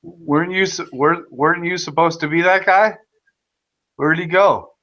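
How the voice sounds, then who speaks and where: A man hosting a casual online video chat, talking loudly and excitably, with frequent swearing. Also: on the high side, moderate pace, highs cut off. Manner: loud, profane, excitable. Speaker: host.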